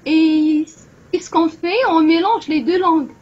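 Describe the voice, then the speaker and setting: A woman hosting an online language club, slowly explaining and checking whether the group follows. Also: extremely high pitch, steady tone, a little mellow, dull audio. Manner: slow, explanatory, asks the group questions. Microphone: video call.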